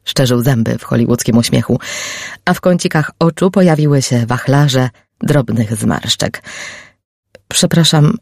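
Calm woman narrating a novel. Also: a bass voice, moderate pace, creaky, dry recording, studio quality. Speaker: audiobook narrator. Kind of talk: first-person novel narration.

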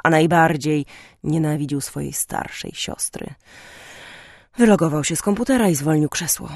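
A woman reading an audiobook aloud, telling the story in a clear, expressive way. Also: deep voice, no room sound, studio quality. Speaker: audiobook narrator. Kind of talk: audiobook narration.

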